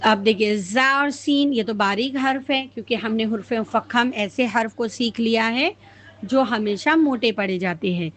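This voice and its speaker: A woman's voice: on the high side, fairly bright tone. Patient woman teaching Quran pronunciation. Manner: patient, demonstrates letter sounds slowly and repeatedly. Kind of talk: casual spoken lesson with slow drawn-out recitation.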